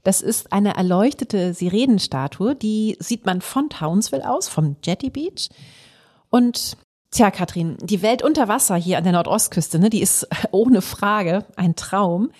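A woman's voice: medium pitch, expressive, measured pace, darkish tone. A woman co-host presenting a travel podcast in a chatty, explanatory, conversational way. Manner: chatty, explanatory, with tag questions.

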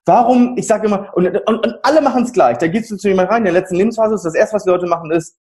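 Guy with a slightly higher husky voice chatting animatedly about his care work. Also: fast. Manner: animated storytelling, acts out quoted people. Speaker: palliative care service provider. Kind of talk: conversational interview.

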